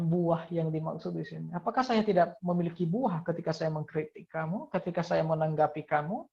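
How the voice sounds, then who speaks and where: Woman, Bible teaching monologue, gravelly, dull lo-fi sound. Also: sits low, darkish tone. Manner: repeats "ya" and "nah", reads verses aloud. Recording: dull lo-fi recording.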